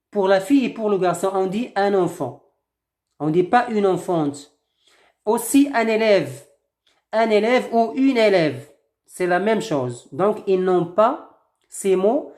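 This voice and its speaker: Slow, patient woman explaining French words. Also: mid-range voice, a little mellow. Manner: slow and deliberate, repeats and rephrases words with several synonyms. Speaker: French teacher. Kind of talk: slow explanatory lesson, reading a text aloud and explaining words.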